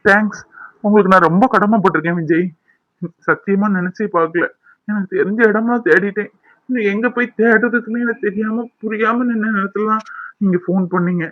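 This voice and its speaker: A man plays a doting young cartoon husband, earnest and reassuring, in a high, bright voice. Close, dry sound. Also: dry recording, dull audio. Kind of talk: cartoon voice acting.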